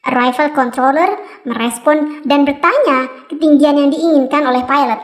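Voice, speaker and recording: A woman's voice: sits high, normal speed. A woman reading scripted documentary narration as the narrator.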